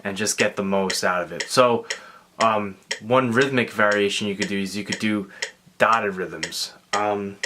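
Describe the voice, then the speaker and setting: A man giving a casual guitar lesson, talking in a relaxed, halting way with many fillers and restarts. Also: lowish voice, background noise. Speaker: guitar teacher. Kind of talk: casual instructional talk. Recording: clear guitar playing behind the voice. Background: guitar and metronome.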